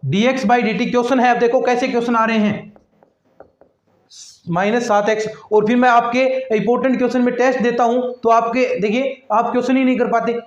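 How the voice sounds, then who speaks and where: A man's voice: very high-pitched, steady tone, fairly quick. A man teaching a maths class online, talking to his students in a chatty, repetitive way as he works at a board. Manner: chatty and repetitive, addresses students as friends and lectures them about attendance. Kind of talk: online exam-prep lecture. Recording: echoey room, slightly dull sound.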